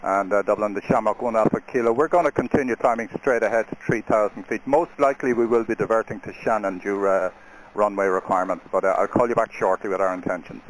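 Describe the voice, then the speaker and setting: A man's voice: fairly low pitch, fast. A man speaking as an airline pilot, making procedural calls over the radio. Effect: radio transmission. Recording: faintly noisy aviation radio.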